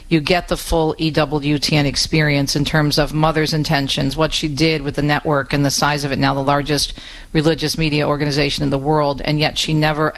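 Encouraging woman radio host. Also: deep voice. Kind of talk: radio interview.

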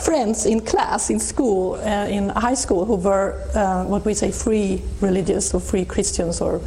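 Mellow-voiced Swedish-accented middle-aged woman. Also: mid-range voice, fairly even intonation, unhurried, creaky, a little hiss or hum, low-quality recording. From Sweden. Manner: thoughtful, with frequent restarts and soft laughs. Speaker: interview guest. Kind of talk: reflective personal testimony.

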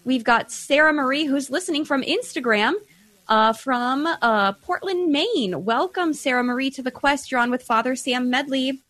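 A woman hosting a call-in radio show with a brisk, upbeat delivery. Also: high voice, fairly bright tone. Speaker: radio host.

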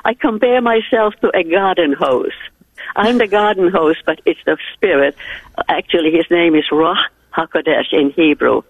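Gravelly Finnish-accented woman on a phone. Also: on the low side, normal speed, no echo. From Finland. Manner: earnest, devout. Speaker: caller. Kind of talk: call-in radio chat. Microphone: telephone. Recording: tinny phone line.

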